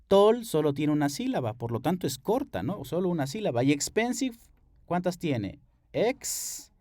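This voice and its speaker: A man's voice: fairly high pitch, very animated, fairly quick, warm tone, no echo. A man teaching an English grammar lesson at a board, patient, explaining rules step by step and checking in with his students.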